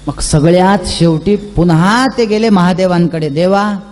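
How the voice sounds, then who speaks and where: A man's voice: sits high, measured pace, a little mellow. A man giving a devotional scripture discourse, chatty, acting out dialogue and chanting verses. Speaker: religious storyteller. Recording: reverberant hall.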